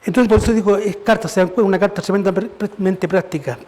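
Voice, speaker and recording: A man's voice: high voice, fast talker, darkish tone. A man preaching as pastor, conversational and asking rhetorical questions. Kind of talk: sermon. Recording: church service.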